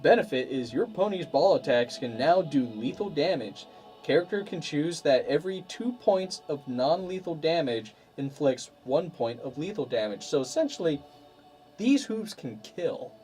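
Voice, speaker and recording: A man's voice: fairly high pitch, normal speed, soft background music. A man hosting a stream as game master, playfully walking players through tabletop rules. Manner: animated, playful explainer.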